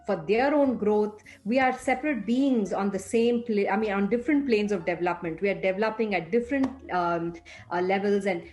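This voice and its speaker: A woman's voice: medium pitch, fairly quick, darkish tone, soft background music. A woman host and coach in a conversational interview, speaking reflectively and checking for agreement. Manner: reflective, asks the guest to agree.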